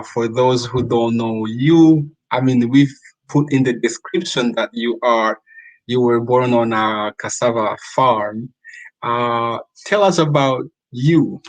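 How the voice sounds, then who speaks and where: Slow-talking male interviewer. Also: medium pitch, steady tone, low-quality recording. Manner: slow, with frequent fillers. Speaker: interview host. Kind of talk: interview questions.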